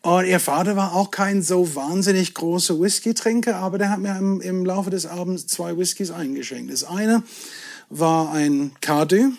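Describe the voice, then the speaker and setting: English-born man chatting, slightly high voice. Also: normal speed, vocal fry. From southwest England. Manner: chatty storyteller, self-deprecating humour. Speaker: podcast guest, whisky entrepreneur. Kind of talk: casual chat.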